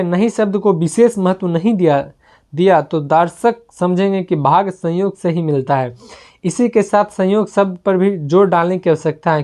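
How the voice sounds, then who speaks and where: A woman reading a self-help book aloud in a steady manner, with small slips and restarts. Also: lowish voice. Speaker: book reader.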